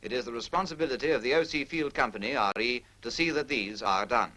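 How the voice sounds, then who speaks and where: This British man speaks quickly in a mid-range voice, his tone bright and forceful. He reads formal, scripted narration in the style of a 1940s military training film, keeping it precise, impersonal and instructional.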